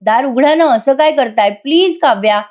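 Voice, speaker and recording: A woman's voice: high-pitched, animated, moderate pace, a little mellow, pitched above the performer's own voice. A woman voicing a young husband who coaxes and begs for forgiveness in a retold TV-serial scene. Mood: pleading. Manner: coaxing, begging. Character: pleading, apologetic young husband.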